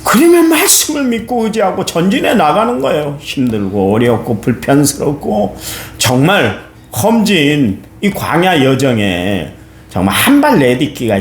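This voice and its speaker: A man preaching a dawn service sermon as pastor, colloquial and animated, acting out people's complaints. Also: mid-range voice. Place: church sanctuary. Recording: echoey church hall, faint hum.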